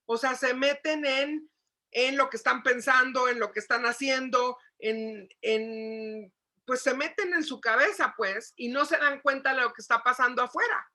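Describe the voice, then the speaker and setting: A woman psychologist giving a lively lecture to parents, asking the audience questions and acting out shouting. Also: sits high, a little slow. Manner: animated, asks the audience questions, acts out shouting.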